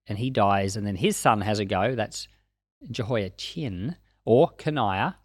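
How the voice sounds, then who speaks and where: A Bible teacher reads scripture aloud and comments on it informally, explaining things in a plain-spoken way. His mid-range voice is captured dry, with clean studio sound.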